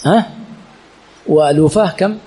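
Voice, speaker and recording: Unhurried in pace, a man with a husky, dark, somewhat high voice teaches hadith chain studies as a sheikh. In this classroom lesson with Q&A at a religious teaching center, he frequently quizzes students rhetorically and repeats key words.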